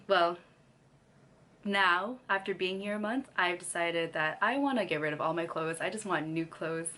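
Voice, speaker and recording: A young adult vlogger from Canada speaks at a measured pace in a fairly low, sharp-toned voice, chatting casually to camera. She laughs a lot between sentences, her throat still a little scratchy since she lost her voice.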